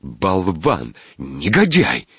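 Man doing an excitable vain official. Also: deep voice, slow, vocal fry, slightly rough, no room sound, full character voice. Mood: agitated. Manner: agitated shouts, then dreamy musing.

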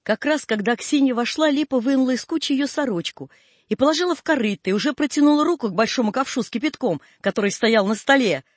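Audiobook narrator, male, very high pitch for a man, steady measured reading, dry studio sound. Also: dry recording. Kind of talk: scripted literary narration.

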